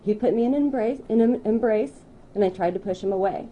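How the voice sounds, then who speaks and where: A woman in her thirties reading a prepared statement at a news conference, in a measured, deliberate way. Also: medium pitch, narrow, tinny audio, a little hiss or hum.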